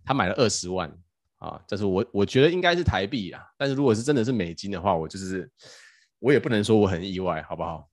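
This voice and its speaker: Animated man telling a story. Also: on the low side, fast. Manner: animated, acts out quotes, stammers restarts. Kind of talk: casual storytelling chat.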